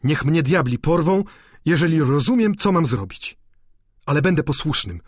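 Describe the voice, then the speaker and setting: An ardent young man in love, as the narrator plays him, impassioned and insistent, pitched a little higher than the narrator's own voice. His delivery is lively and slightly husky in the dry, close audiobook recording. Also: moderate pace, dry recording. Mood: bewildered.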